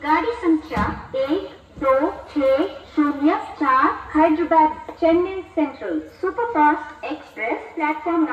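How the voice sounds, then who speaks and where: A woman's formal train station announcement over a loudspeaker, read in a measured announcer's delivery. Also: high voice, far from the mic. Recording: echoey loudspeaker heard from afar, dull sound.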